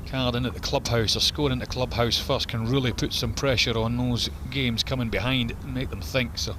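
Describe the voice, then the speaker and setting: A male golf commentator analyses shots live. His voice sits at an average pitch, with clear outdoor noise behind it. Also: steady tone, brisk. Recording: noisy outdoor broadcast.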